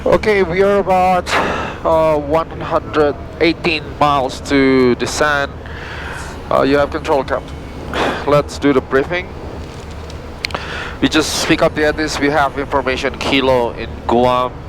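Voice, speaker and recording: A man from Indonesia, an airline pilot, narrating and briefing from the cockpit in informal, halting non-native English. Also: fairly high pitch, fairly even intonation, noisy background. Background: music.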